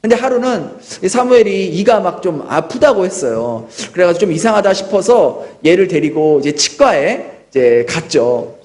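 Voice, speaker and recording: A man's voice: sits high, big pitch swings, moderate pace, few pauses, darkish tone. A man in his thirties preaching a sermon as pastor, telling a family story with earnest rhetorical questions. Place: church sanctuary.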